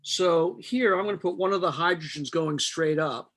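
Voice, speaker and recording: This chemistry instructor, a middle-aged man, speaks at a moderate pace in a fairly high, slightly bright voice. He's giving a live online lecture, walking through the material step by step with patient humor.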